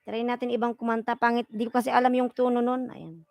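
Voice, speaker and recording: A hoarse woman chatting and laughing on a live stream, shouting out viewers by name and breaking off to sing a few lines. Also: on the high side, little pitch movement, fast talker, no echo. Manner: giggly, self-conscious, greets viewers by name. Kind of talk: casual live-stream chat with sung lines.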